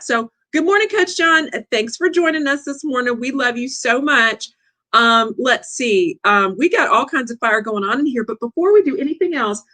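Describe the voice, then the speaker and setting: Excited chatty woman hosting a livestream. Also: fairly high pitch. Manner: excitable, chatty, addresses audience as y'all. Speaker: livestream host and coach. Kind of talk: lively casual livestream hosting.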